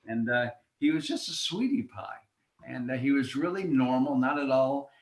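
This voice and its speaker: A man talks casually as an actor guest, stopping and starting and repeating words as he reaches for memories. His voice sits at a middle pitch. The room around him rings with a noticeable echo. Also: animated. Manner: halting, repeats words while recalling stories. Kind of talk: casual interview chat. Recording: roomy echo.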